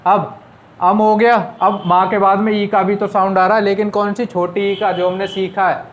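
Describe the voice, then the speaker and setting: A man's voice: sits high, flat delivery, moderate pace, a little hiss or hum. A man teaching a shorthand class in a casual, step-by-step way, often repeating himself and explaining as he writes. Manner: talks while writing on a board, repeats and explains step by step. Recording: slightly dull, lo-fi sound.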